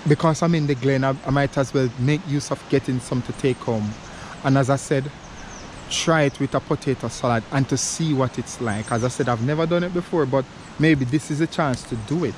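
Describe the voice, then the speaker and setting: A medium-pitched man in his thirties films a casual foraging vlog in a wooded glen, holding an action camera at arm's length. He chats, muses aloud, and laughs at his own ideas. Wind, rustling leaves, and outdoor ambience come through the camera audio.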